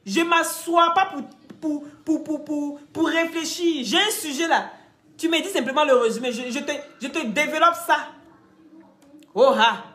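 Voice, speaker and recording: Woman, high voice, scolding gossip commentary, mocking tone. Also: unhurried, fairly bright tone. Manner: scolding, mocking, talks straight to the people she criticizes. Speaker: online commentator.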